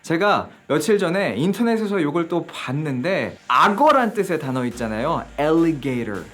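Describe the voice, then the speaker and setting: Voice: mid-range voice, big pitch swings, normal speed, fairly bright tone. An English teacher giving a video lesson, explaining step by step and asking viewers questions along the way.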